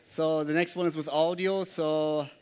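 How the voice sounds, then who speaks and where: Smooth-voiced, hesitant male presenter. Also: a little high, a little slow. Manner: relaxed, hesitant, lots of filler words. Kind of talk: lecture presentation.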